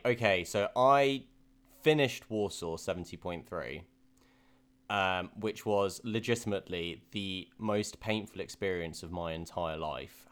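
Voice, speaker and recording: A young man co-hosts a casual podcast, candidly recounting his race stories with plenty of fillers and restarts. His voice is low yet fairly bright, with a clean tone.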